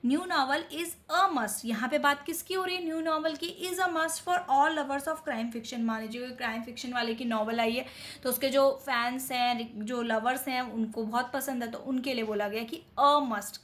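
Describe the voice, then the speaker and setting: A woman with an Indian accent teaching a grammar lesson, who reads out English examples slowly and keeps checking that her students are following. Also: fairly high pitch. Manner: explains slowly, reading English examples carefully, then adding quick Hindi asides; keeps checking in with "theek hai?". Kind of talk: explanatory lesson.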